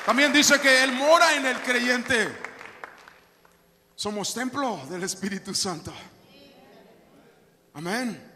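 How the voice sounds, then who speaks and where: A man preaching a sermon as pastor, emphatic, rising to shouts and dropping to soft, hushed asides. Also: very high voice, slow, pauses often, crowd noise, noisy background. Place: church sanctuary. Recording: long reverb of a church hall.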